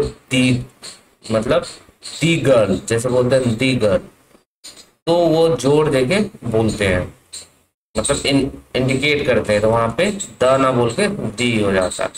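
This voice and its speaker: Slow, patient male grammar teacher. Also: medium pitch, slight background noise, poor audio. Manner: slow, patient, asks questions and answers them himself. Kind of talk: classroom lesson explaining at a board.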